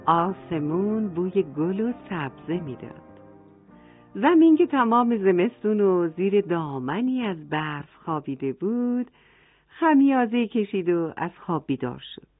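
A woman reading a children's story in a gentle way, speaking to the children directly. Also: lowish voice, very animated, soft background music. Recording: tinny phone-like dry sound.

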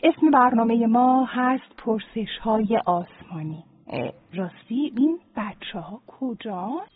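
A woman's voice: on the high side, breathy edge. A woman hosting a children's program, speaking in a sweet, coaxing, affectionate way as she teaches the kids. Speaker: children's show host. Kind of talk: gentle teaching talk with children. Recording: tinny narrow-band sound.

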